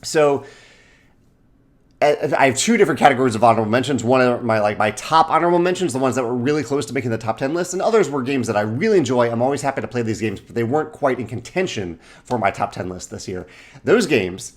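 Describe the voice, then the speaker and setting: A man's voice: mid-range voice, lively intonation. A man in his forties who hosts a board game channel, talking casually and correcting himself as he rambles through lists of titles. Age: 40s. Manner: rambling, self-correcting, listing titles in quick bursts. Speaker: game designer and channel host. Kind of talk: casual video monologue.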